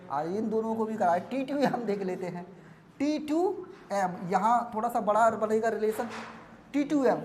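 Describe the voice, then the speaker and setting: Her voice is fairly high as she works through exam reasoning on a board, repeating each step and regularly asking if it makes sense. A little hiss or hum sits under the recording.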